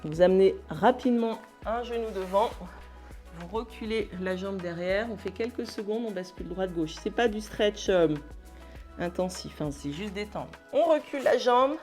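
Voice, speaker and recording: A woman's voice: mid-range voice, animated, darkish tone, soft background music. French woman barking workout cues. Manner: brisk, punchy cues while exercising along. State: out of breath at times. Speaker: fitness coach. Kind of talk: workout instruction.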